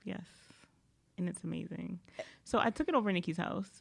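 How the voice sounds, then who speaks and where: A woman with a fairly low, gravelly voice talks briskly as a podcast co-host, chatting in a laid-back, rambling way and laughing often.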